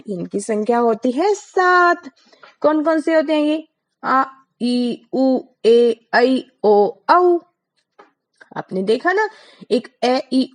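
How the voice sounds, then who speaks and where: Woman teacher doing a class lesson, kinda high voice, bouncy, drags out example sounds. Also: a little mellow. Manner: explains slowly, asks questions and answers them herself, stretches sounds for examples.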